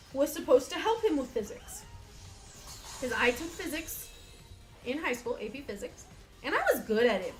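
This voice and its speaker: A woman's voice: fairly high pitch, fairly bright tone, low-quality recording. A woman co-hosting a casual gaming chat with her partner, playful and teasing, laughing often. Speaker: co-host playing a video game.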